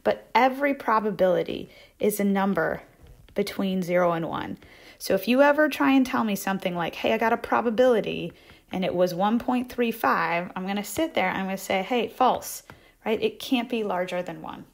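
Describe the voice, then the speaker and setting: A woman's voice: medium pitch, moderate pace, vocal fry. A woman math instructor giving a conversational recorded lecture over slides, repeating key points and checking in with "right?" often.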